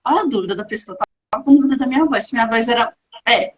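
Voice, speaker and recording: A young woman with a Brazilian accent chats as a podcast guest in a fast, anxious, animated way. Her voice sits a little high. The recording sounds dull and lo-fi. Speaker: guest, doctoral student. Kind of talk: casual podcast chat.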